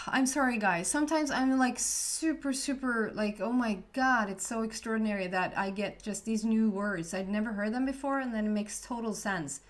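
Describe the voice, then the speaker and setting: A Swedish native speaker with a Swedish accent gives a casual, chatty tarot reading, often searching for the right words. Her voice is on the high side and her speed normal.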